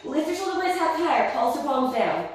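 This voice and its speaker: A woman's voice: high voice, lively intonation, brisk. Encouraging, winded woman instructor in an echoey room. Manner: encouraging cues and counting reps. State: winded from exercising. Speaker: Pilates instructor. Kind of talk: workout instruction. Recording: roomy echo, distant mic, faint music.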